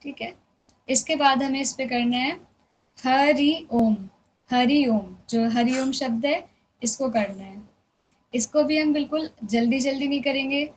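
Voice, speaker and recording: Patient woman teaching singing basics. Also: high voice. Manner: patient, checks understanding often; drawn-out demonstration of syllables. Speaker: music teacher. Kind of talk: online singing lesson. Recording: dull lo-fi sound with faint noise.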